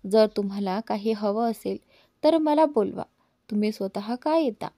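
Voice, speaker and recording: A woman voicing a caring young woman who speaks with gentle concern. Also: medium pitch, lively intonation, normal speed, no echo, studio quality, close to an everyday voice.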